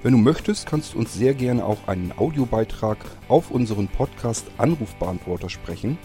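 A man's voice: medium pitch, expressive, normal speed, mellow. A man as podcast host, giving a friendly outro with contact details. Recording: faint music underneath.

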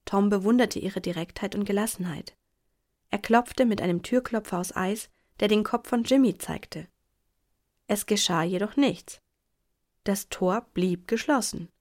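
A woman reading a children's Christmas story aloud. Her storytelling is calm and gently expressive, and her voice sits at a mid pitch. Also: measured pace. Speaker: narrator.

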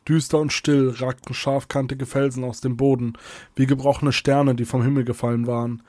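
A man reads a fantasy adventure aloud in a steady, even storybook voice. His pitch sits in the middle, and the sound is dry and close with no room echo. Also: moderate pace. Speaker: narrator. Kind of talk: scripted storybook narration.

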